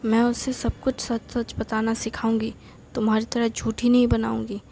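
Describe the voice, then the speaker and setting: A woman's voice: on the high side, completely flat delivery, moderate pace, warm tone, slight background noise, lightly acted. A woman voicing a strict, middle-aged aunt who speaks in a firm, scolding way.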